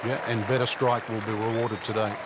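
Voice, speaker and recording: A man's voice: on the low side, little pitch movement, a little fast, a loud crowd. A man giving conversational, explanatory analysis as a co-commentator on live golf coverage. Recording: faint outdoor background noise.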